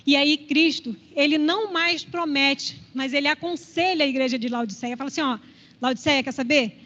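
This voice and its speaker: A woman with a Brazilian Portuguese accent and a high voice leads a church Bible class. She talks in a conversational way and keeps checking in with the class. The sound is somewhat dull and rings with a long hall reverb. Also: normal speed, a bit bright.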